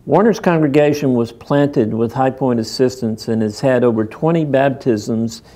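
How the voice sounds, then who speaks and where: A man's voice: mid-range voice, normal speed, mellow. A man narrating a church mission documentary in a plain, informative way.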